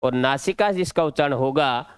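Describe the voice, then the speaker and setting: With a clear, resonant, medium-pitched voice at a moderate pace, a male teacher with a Rajasthani Hindi accent works through an exam-prep grammar lesson at a board. He explains step by step and drills key points, with no room sound audible.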